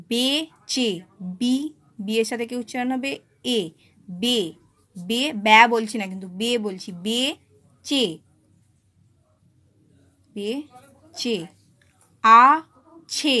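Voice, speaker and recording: A woman teacher giving a phonetics lesson, sounding words out slowly syllable by syllable, recorded on a phone she holds in one hand. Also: on the high side, bright, forceful tone. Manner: slow syllable-by-syllable pronunciation drills. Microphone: phone held in one hand.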